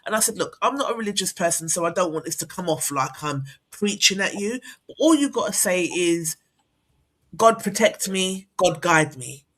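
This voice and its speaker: A woman hosting a casual live chat, telling stories in an animated, encouraging way. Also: lowish voice, moderate pace. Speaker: host.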